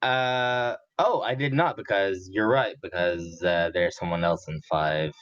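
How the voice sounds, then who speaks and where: A man playing in a tabletop game over a voice call, halting, laughing easily. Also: sits low, fairly bright tone, smooth, dry recording, lo-fi sound. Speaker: player. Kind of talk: casual play over a voice call.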